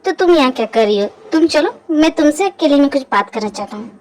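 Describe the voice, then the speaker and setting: A woman voicing a remorseful young man in an amateur fan dub, speaking softly and apologetically. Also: high-pitched, lively intonation, quick pace, low-quality recording.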